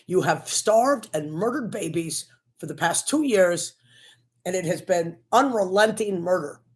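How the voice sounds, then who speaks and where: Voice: mid-range voice, lively intonation, unhurried. A commentator giving an impassioned, sermon-like political rant in an accusatory, repetitive, preachy manner.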